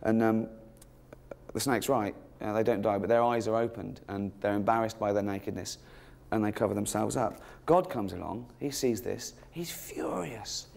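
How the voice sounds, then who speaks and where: A man's voice: fairly low pitch, fairly even intonation, moderate pace, creaky, darkish tone, a little hiss or hum. A man performing stand-up comedy in a mocking, irreverent, sweary way. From half French, half English.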